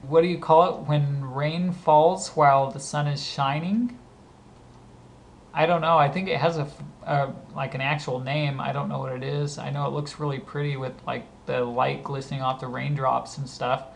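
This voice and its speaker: Reading from a word list, a scratchy-voiced Southern Californian man pronounces each item and then casually describes his usage. His voice is a little high with vocal fry, fairly even intonation and normal speed.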